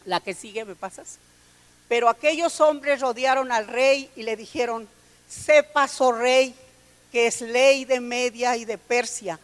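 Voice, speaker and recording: Woman preaching, slow and a bit high, reads scripture out, long hall echo. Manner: reads scripture aloud, calls listeners brother and sister. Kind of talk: sermon with scripture reading.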